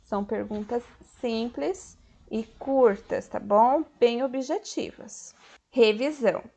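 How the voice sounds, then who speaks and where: A Brazilian Portuguese-accented woman teaches a recorded lesson in a slightly high voice. She speaks at an unhurried pace, explaining patiently and clearly to children. In her examples she calls out words a little louder and stretches the stressed syllable. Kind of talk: recorded online school lesson.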